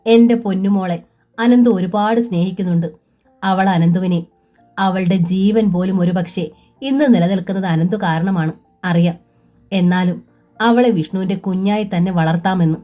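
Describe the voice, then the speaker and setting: A woman voicing a gentle, tearful young widow. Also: mid-range voice, steady tone, moderate pace, soft background music, close to an everyday voice. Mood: tender.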